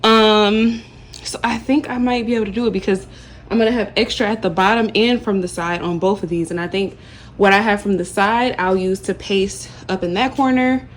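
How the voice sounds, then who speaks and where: A woman's voice: mid-range voice, normal speed. Woman, casual home vlog, chatty and upbeat, phone camera indoors, faint background noise. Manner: chatty, upbeat, addresses viewers as y'all. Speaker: home vlogger. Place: apartment living room, indoors.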